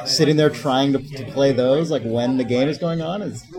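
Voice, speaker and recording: A male podcast host with a medium-pitched voice chats casually and makes dry jokes. He is recorded in an open hallway, with clear crowd noise around him. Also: moderate pace. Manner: joking, dry banter. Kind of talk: casual chat interview. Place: convention hallway opposite gaming tables. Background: crowd of people.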